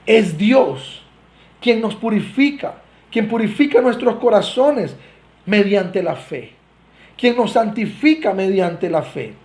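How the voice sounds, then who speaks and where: A man's voice: sits high, animated, slow, darkish tone. A man with a Costa Rican accent preaching a sermon, earnestly addressing the congregation with swelling emphasis. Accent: Costa Rican Spanish. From Costa Rica. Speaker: pastor.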